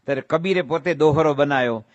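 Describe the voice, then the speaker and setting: A man's voice: fairly high pitch, quick pace, no room sound, highs cut off. Gujarati-accented male preacher, dry close sound. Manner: asks rhetorical questions, bursts into sung verses. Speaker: preacher giving a religious discourse. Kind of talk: devotional sermon with storytelling.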